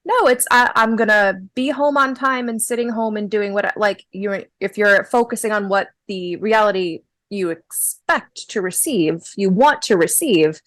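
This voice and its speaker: A woman's voice: mid-range voice, a little slow, few pauses, a bit bright, no echo. A woman in her thirties chatting casually on a podcast, wry and self-mocking. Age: 30s. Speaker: podcast host. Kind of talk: casual chat.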